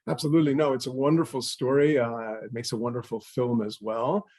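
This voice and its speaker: A man hosting a film interview, asking questions in a brisk, friendly way. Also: medium pitch, flat delivery, darkish tone. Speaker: interviewer, festival host. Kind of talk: interview conversation.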